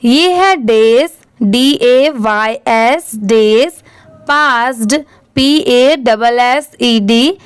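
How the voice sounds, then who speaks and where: A woman with a high, smooth voice teaches English reading, spelling every word out letter by letter and then saying it carefully. Her delivery is very slow. The sound is dry and close. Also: no echo. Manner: spells words letter by letter in Hindi, then says them slowly. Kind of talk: spelling out and reading English words slowly for learners.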